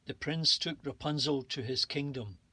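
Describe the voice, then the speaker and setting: A man reading a bedtime fairy tale aloud in a slow, calm and soothing way. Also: medium pitch, slightly rough. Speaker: storybook narrator. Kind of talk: bedtime story read-aloud.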